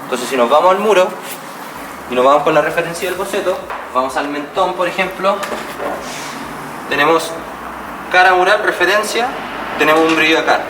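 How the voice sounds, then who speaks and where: A Chilean man with a somewhat high voice demonstrates mural painting step by step at a moderate pace, pausing often and checking in with "¿cierto?". The recording is roomy and noisy, with a distant mic and music behind.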